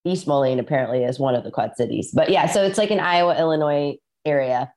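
On a video call from rural Iowa, a woman from the Midwest, a musician guest, tells casual, rambling stories stuffed with "like"s and other fillers from a farmhouse. She has a low, slightly mellow voice and a quick pace.

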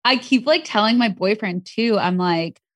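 A young woman, pregnant and chatting openly as a podcast guest. She speaks at a middle pitch, loosely and with plenty of fillers. The room sound is dry and close. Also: moderate pace, dry recording. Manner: candid, chatty, heavy on fillers. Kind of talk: casual chat.

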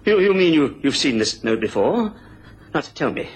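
An actor playing a cowardly, scheming gentleman with a bullying streak in a radio drama, agitated and given to stammering. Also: on the high side, sing-song, normal speed, breathy edge. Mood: panicked.

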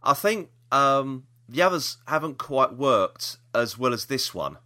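A podcast co-host chats casually while reviewing audio dramas, repeating himself for emphasis in his enthusiasm. His medium-pitched voice swings widely in pitch, with a sharp tone and an unhurried delivery.

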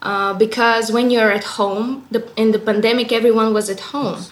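A woman's voice: a little high, fairly even intonation, normal speed. Young woman, bulgarian accent, hesitant english, roomy echo. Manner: hesitant, searching for English words. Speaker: guest singer-songwriter. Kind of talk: casual podcast interview.

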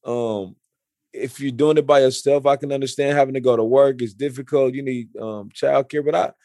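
Chatting casually, a fortysomething man keeps tripping over his words, repeating them and restarting often. His mid-range voice is steady and mellow, and the studio-quality recording has no echo.

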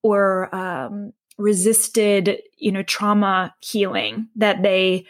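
A woman's voice: mid-range voice, drawn-out words. Woman, conversational interview, reflective, filler-heavy, restarts often. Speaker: podcast guest, health coach.

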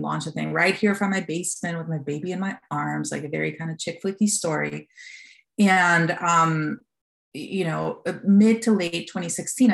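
Low-pitched with vocal fry, a woman in her forties talks in a podcast interview. She's a Costa Rican fund founder sharing her story openly and peppering it with fillers.

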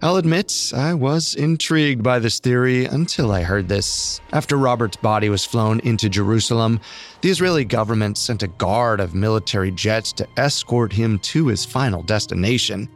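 A man co-hosting a podcast, reading scripted true-crime narration with measured storytelling delivery. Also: fairly low pitch, soft background music. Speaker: podcast co-host.

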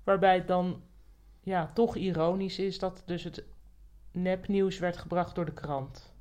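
A woman co-hosts a podcast, chatting casually in a curious, conversational way. Her voice sits on the low side, with a steady, darkish tone and an unhurried pace.

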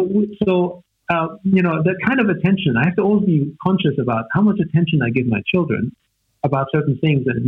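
A guest on a tinny phone-like line, this man from Austria speaks German natively and is in his forties. His voice is husky and fairly high. He muses in a halting way, packing his talk with fillers and "right?" tags.

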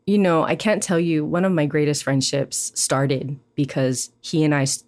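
Speaking in a deep voice, this woman poet from Hawaii reflects on things as an interview guest. She is animated yet thoughtful, and fillers like "um" and "you know" frequently break up her speech.

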